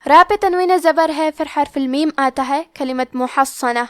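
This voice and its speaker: A woman with a Pakistani Urdu accent teaching Quran recitation rules, explaining each one in a measured way and then reciting the words slowly. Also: sits high, fairly bright tone, no echo, clean studio sound. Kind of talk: tajweed lesson with slow recitation.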